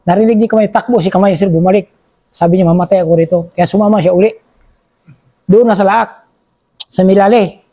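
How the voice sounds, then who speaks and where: A man's voice: high-pitched, steady tone, brisk, pauses often, dark tone, no room sound. A man tells a war story to an interviewer, calling the listener sir after nearly every phrase and acting out the dialogue. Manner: acts out quoted dialogue in his telling. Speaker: former soldier telling a war story.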